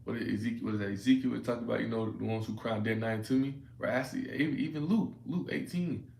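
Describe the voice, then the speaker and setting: A man giving informal scripture teaching who keeps checking in with "right?" and restarts his phrases, sometimes reading verses aloud slowly. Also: mid-range voice, creaky, a little mellow. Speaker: religious teacher. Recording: echoey room with faint ambient noise.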